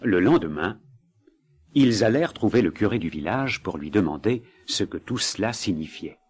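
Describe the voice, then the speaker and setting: A man reading a folk tale aloud in an expressive storytelling manner. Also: lowish voice, normal speed, breathy edge. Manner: expressive, dramatic. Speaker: narrator.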